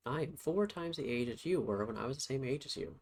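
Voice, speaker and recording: A man's voice: mid-range voice, animated, fast, slight background noise. A man giving casual let's-play commentary, playful and thinking aloud as he works through puzzles. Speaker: game streamer.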